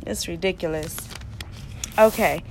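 A young woman leading a class discussion about a film, steady and posing questions to her partner. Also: on the low side, a little slow, a little hiss or hum. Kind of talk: discussion presentation.

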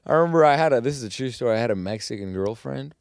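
A young man races through slang-filled stories as he chats casually on his podcast, the sound dry and of studio quality. His storytelling is animated, and he pops into high mocking voices when quoting others.

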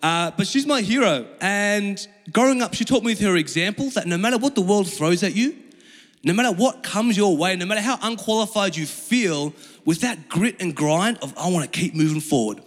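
His voice is high and expressive at a normal speed as this young man gives an informal, slangy sermon built around personal storytelling. Originally a Chinese speaker, he has an Australian accent and comes from Melbourne, and the audience-filled room rings with long reverb.

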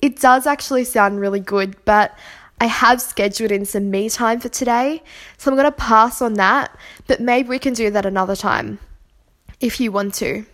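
An Australian woman hosts a solo podcast about kindness, speaking at a moderate pace in a fairly high voice. She is nursing a cold and a sore throat, and her delivery is earnest and reflective, with a gently encouraging manner.

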